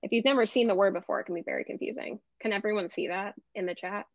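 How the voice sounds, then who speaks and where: A woman guest speaker patiently explaining genetics to patients on a video call, friendly and quick to laugh. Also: medium pitch, gravelly. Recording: dull, dry video-call audio.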